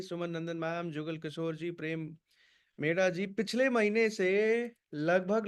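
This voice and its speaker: A male sales trainer speaks on a video call through his computer or headset mic. His voice sits a little high and his delivery is brisk and energetic. He keeps urging his trainees along and slips English words into his Hindi. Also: clean tone. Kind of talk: online training session.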